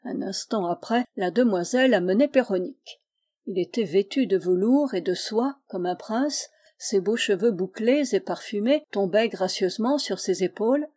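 A woman narrating a fairy tale aloud, expressive and storytelling. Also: mid-range voice, moderate pace.

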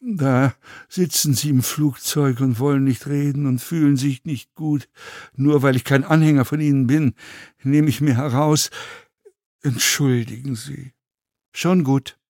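A man reading an audiobook, voicing a pushy, mocking male fellow passenger who needles without pause. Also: mid-range voice, steady tone, a little mellow, dry recording, clean studio sound. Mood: needling. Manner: needling, sneering, chatty.

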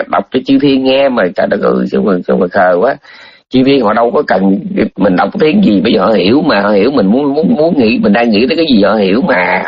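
A husky-voiced man, delivering a Buddhist dharma talk in a loose, chatty way, teasing and circling back to drive his points home. His voice sits at an ordinary middle pitch. The recording is dull and lo-fi. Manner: chatty, teasing, repeats points with emphatic asides.

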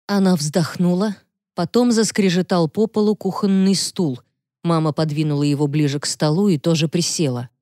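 Female audiobook narrator, calm and even, dark mellow tone, dry close recording. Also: on the low side, moderate pace, no echo. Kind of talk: scripted narration.

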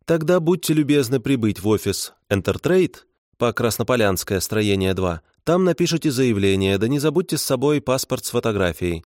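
A man's voice: mid-range voice, expressive, normal speed, a little mellow, dry recording, clean studio sound, voice pushed up, close to an everyday voice. A man voicing a prim, officious female call-centre operator.

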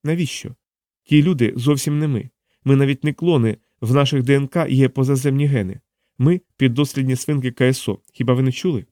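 A man's voice: mid-range voice, a little fast, dark tone, no room sound, studio quality, pitched above the performer's own voice, close to an everyday voice. A man voicing a blunt, fierce young woman soldier who talks in terse, clipped lines. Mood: insistent.

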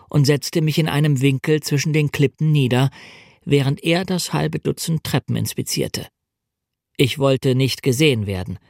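A man's voice: medium pitch, darkish tone, no echo, clean studio sound. Man reading an adventure novel aloud. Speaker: audiobook reader. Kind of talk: first-person audiobook narration.

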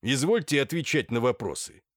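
A man voicing a brisk, commanding middle-aged police colonel. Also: medium pitch, big pitch swings, fairly bright tone, no echo, studio quality. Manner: curt, commanding.

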